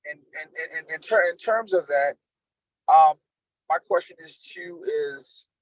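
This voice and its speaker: A man who is a board member, joining by remote call and asking questions haltingly, repeating words while he searches for phrasing. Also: a little high, no echo, rough recording. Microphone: remote call connection.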